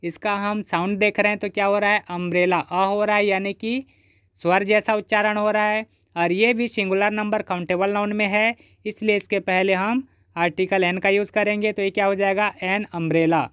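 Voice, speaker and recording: Teacher, grammar lesson, step-by-step, rhetorical questions, smooth voice, mid pitch. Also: fairly even intonation, normal speed, fairly bright tone, no room sound, clean studio sound. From Chhattisgarh. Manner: asks rhetorical questions and answers them; repetitive, step-by-step explaining.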